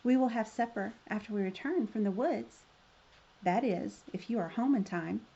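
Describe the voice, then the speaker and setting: A woman's voice: fairly high pitch, normal speed, dark tone, breathy edge, muffled recording. A woman reading the part of a cold-hearted stepmother in a storybook, curt and scolding. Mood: bossy, scolding. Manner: curt, bossy.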